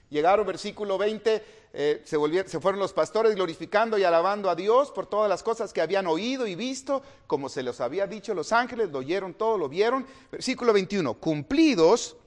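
A man preaching an interactive Bible study, quizzing the congregation and swinging from emphatic lines to hushed ones. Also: sits high. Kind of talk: interactive sermon.

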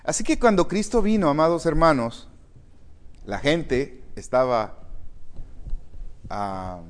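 A man preaching a sermon to his congregation, addressing them directly and swinging from quiet reflection to loud, emphatic calls. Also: a little high, slow pace. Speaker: pastor.

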